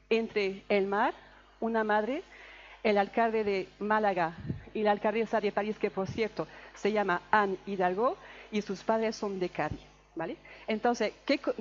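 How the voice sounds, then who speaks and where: A woman's voice: mid-range voice, dull audio. A woman teaching a language class to a live audience, explaining step by step and often checking that the room is following. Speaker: French teacher. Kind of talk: lively classroom talk to an audience.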